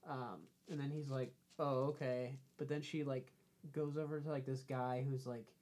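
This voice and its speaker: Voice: medium pitch, little pitch movement, moderate pace, dark tone. A podcast co-host casually retelling a movie's plot, rambling with "um" and "like". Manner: laid-back, rambling with um and like. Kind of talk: casual chat reviewing a movie.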